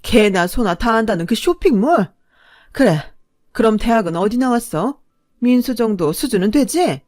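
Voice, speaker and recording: A woman voicing a snobbish middle-aged mother who talks down to others in a shrill, domineering way. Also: animated, a little fast, faint music behind, close to an everyday voice. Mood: contemptuous. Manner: shrieking, scornful, loud.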